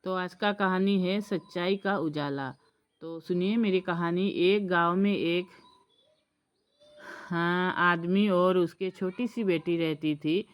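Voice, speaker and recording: A woman's voice: lowish voice, steady tone, slow, clean tone. A woman vlogger casually telling a folk story, hesitant and full of fillers and restarts.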